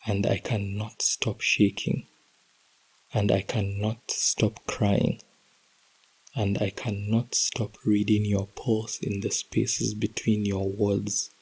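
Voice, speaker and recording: Slow husky man reading a heartbroken letter. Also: fairly low pitch, level tone, darkish tone, poor audio. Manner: slow, emotional, intimate delivery with whispered passages. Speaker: podcast host.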